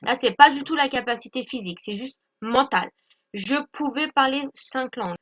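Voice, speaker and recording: On a dull lo-fi recording, a female English teacher walks through a grammar lesson at normal speed in a high, slightly bright voice. She is patient, goes over points again and again, and checks in often with "d'accord?"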